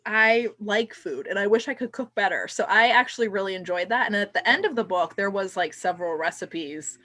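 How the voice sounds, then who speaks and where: A woman talking casually about a book she read, with a bright, forward voice. She speaks conversationally, with frequent fillers and easy laughter. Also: medium pitch, brisk. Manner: conversational, laughs easily, uses "like" often. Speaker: book discussion co-host.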